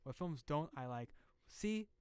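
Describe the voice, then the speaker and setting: A young man hosting a laid-back interview, choosing his words politely and earnestly. His voice is smooth and resonant, recorded close and dry. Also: a little high, expressive, a little slow, dry recording. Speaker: podcast host. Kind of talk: casual interview.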